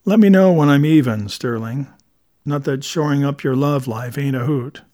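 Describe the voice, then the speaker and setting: A man doing a gruff, sardonic cop on the phone. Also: mid-range voice, moderate pace, dark tone, natural voice. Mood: wry. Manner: gruff, sarcastic. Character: gruff male police contact, grudging and sardonic.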